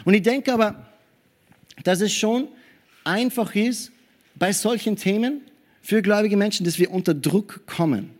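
A man preaching a sermon in an animated way, often checking in with his listeners and adding hallelujah and amen. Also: sits high, a little slow, long pauses. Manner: animated preaching with frequent tag questions.

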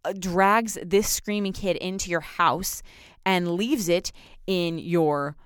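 Young female podcast host, casual self-help monologue; clear, resonant, slightly low voice. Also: slow, dry recording, studio quality. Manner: chatty, uses lots of "like".

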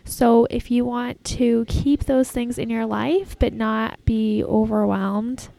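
A woman hosting a casual, reflective solo podcast in an informal, halting way, recorded in an airport terminal. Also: a little high, fairly even intonation, gravelly, warm tone. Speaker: podcast host. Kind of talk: casual solo podcast talk, self-help advice.

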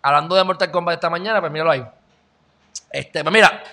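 Man, online show host, gravelly, bright and forceful, sarcastic casual commentary. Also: on the high side, quick pace. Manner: animated, sarcastic, talks straight to viewers. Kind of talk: casual commentary reacting to news.

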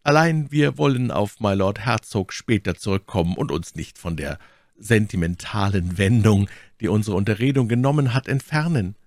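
A man voicing a cold, mocking English lord in an audiobook reading, with coolly sarcastic, measured threats. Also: lowish voice, a little mellow, no room sound, clean studio sound, natural voice. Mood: ironic.

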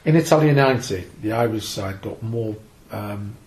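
A man's voice: fairly low pitch, moderate pace, darkish tone, low-quality recording. A man with an English accent chatting casually, upbeat and full of trivia and jokes. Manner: upbeat, jokey, sharing trivia. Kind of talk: casual chat.

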